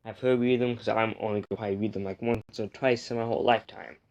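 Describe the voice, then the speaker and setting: A man's voice: on the low side, fairly even intonation, fast, a little mellow. Young man who says w for r. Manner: says w for r, sometimes slips on l. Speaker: host of a comic book review show. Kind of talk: casual rambling review.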